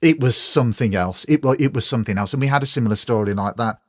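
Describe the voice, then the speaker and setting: A British man hosting a podcast, telling a story in a casual, relaxed way. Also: medium pitch, fast, no room sound, studio quality. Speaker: podcast host. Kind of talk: podcast conversation.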